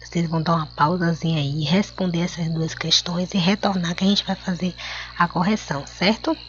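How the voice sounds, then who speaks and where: A Brazilian woman teacher with a fairly low voice speaks slowly and clearly, stretching out words for young pupils. The recording is dull and lo-fi, with faint crickets somewhere behind her. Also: steady tone. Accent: Brazilian Portuguese. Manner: slow, clear, spelling words out for children. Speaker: schoolteacher. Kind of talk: recorded classroom lesson.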